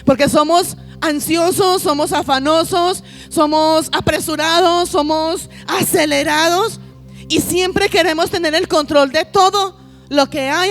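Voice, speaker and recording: A woman pastor preaching a sermon, piling up lists and asking the congregation rhetorical questions. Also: sits high.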